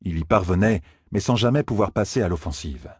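A man narrating an audiobook in expressive storytelling style. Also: low-pitched, a little fast, slightly rough, no echo, clean studio sound. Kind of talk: scripted narration.

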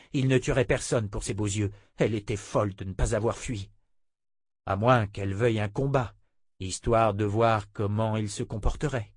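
A man narrating a fantasy audiobook in a steady, measured voice. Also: lowish voice, dry recording, clean studio sound. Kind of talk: scripted narration.

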